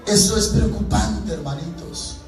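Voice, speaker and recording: A man with a Mexican Spanish accent preaching a sermon, impassioned, repeating phrases and climbing to near shouts. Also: fairly high pitch, a little slow. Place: church sanctuary. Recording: very echoey church hall from far off, faint music.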